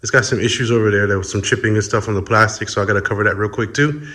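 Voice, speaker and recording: A man's voice: on the low side, steady tone, racing, sharp tone. A man, an auto body painter, chatting casually to viewers while his voice echoes around an enclosed paint spray booth. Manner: chatty, addresses viewers directly. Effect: reverberant echo of an enclosed spray booth. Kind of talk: casual how-to vlog. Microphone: phone camera.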